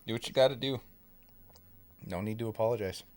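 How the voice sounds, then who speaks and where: A man's voice: fairly low pitch, brisk, a little mellow, a little hiss or hum. A man hosting a game livestream, chatting casually and joking with viewers and friends. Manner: laid-back, joking, chatty. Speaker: streamer.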